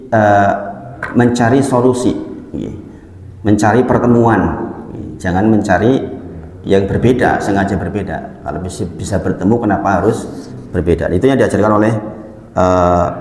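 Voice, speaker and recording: A middle-aged man with a Javanese accent preaching a sermon, telling lively stories and acting out the voices he quotes. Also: fairly low pitch, moderate pace, long pauses, echoey room, in a large hall, rough recording. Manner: lively storytelling, acts out quoted voices, chuckles. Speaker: Islamic preacher.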